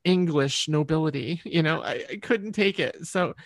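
A woman guest telling an animated personal story in an interview over a video call, acting out the voices of people in it. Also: low voice, normal speed, no echo. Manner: expressive, acts out quoted voices.

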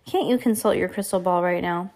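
A woman's voice: on the low side, fairly quick, darkish tone, close to an everyday voice. A woman voicing a scheming, greedy male villain and gang boss from a storybook, emphatic and self-satisfied. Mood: impatient.

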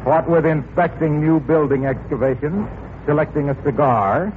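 A man's voice: on the high side, normal speed. Polished, emphatic male announcer, 1940s radio style, tinny broadcast with slight hiss.

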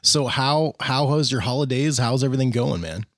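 A man's voice: mid-range voice, normal speed, no room sound, studio quality. A forty-year-old man from Indiana hosting a casual interview, chatty and laid-back, calling his guest dude and man. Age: 40s. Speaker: podcast host. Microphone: phone line recording.

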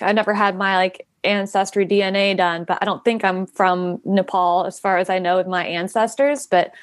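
A woman's voice: medium pitch, no room sound. A woman guest talking about founding a nonprofit, rambling with many fillers and restarts. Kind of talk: casual interview answers.

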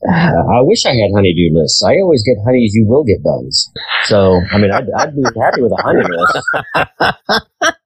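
A man's voice: mid-range voice, wildly swooping pitch, normal speed, husky, no echo, poor audio. A man co-hosting a podcast, making dry little jokes. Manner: dry joking. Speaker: podcast co-host. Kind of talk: casual podcast chat.

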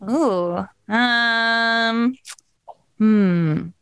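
A woman's voice: fairly high pitch, drawn-out words, a bit bright, smooth, no echo. A woman in her thirties, a voice actress guest, telling anecdotes in a bubbly way and acting out quotes. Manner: bubbly, laughing, acts out quotes. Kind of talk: casual interview storytelling.

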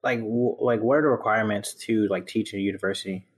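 A man's voice: fairly low pitch, steady tone, fast talker, breathy edge. A man hosting a podcast, upbeat and eager, peppering his speech with filler words as he interviews a guest. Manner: upbeat, eager, heavy use of "like". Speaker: podcast host.

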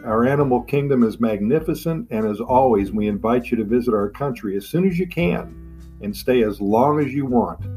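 Guy doing nature documentary style podcast narration, medium pitch, enthusiastic, plucked guitar playing behind him. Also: a little mellow. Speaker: podcast host. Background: plucked guitar music.

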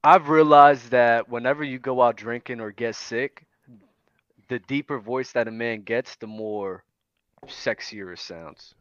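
Podcast panelist, man, sharp forceful voice, emphatic repetitive banter, slightly dull lo-fi mic. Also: medium pitch, measured pace, smooth, no echo. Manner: emphatic, repeats phrases. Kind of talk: casual sports banter.

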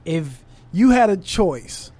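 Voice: medium pitch, very animated, takes it slowly, dark tone. A host in a casual chat, asking questions in a playful, curious way and laughing often.

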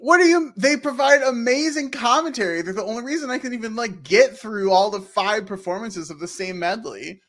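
A man's voice: sits high, a little fast, few pauses, fairly bright tone. A man co-hosting a podcast in casual chat, gushing enthusiastically. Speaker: podcast co-host.

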